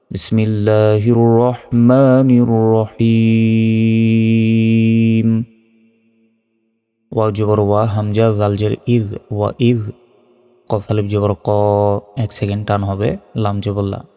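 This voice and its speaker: A man teaching Quran reading, spelling out letters and vowel marks one by one and then chanting each word slowly. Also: on the low side, level tone, dark tone, big-room sound. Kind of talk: step-by-step recitation lesson.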